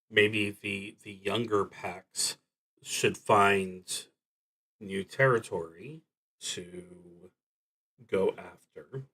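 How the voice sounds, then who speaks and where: A streamer who plays solo tabletop roleplaying games narrates his session off the cuff, thinking aloud in a hesitant, reflective manner. His voice is lowish, gravelly and slightly rough with a bit of brightness, and the audio quality is poor.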